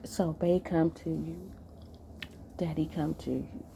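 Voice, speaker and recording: Gravelly, slow-talking woman vlogger. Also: deep voice, fairly even intonation, dark tone. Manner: fires rhetorical questions at her audience. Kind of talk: talking to viewers. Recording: noisy background.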